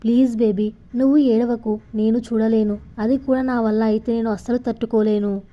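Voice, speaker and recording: A woman's voice: on the high side, fairly even intonation, moderate pace, muffled recording, natural voice. A woman voicing a devoted young man who pleads earnestly and tenderly with the woman he loves. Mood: soothing.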